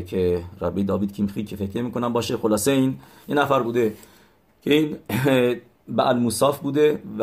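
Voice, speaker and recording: A man, retelling religious stories in a halting way, with many fillers and restarts, and lifting his voice for the quoted lines. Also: on the low side, gravelly, darkish tone. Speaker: storyteller.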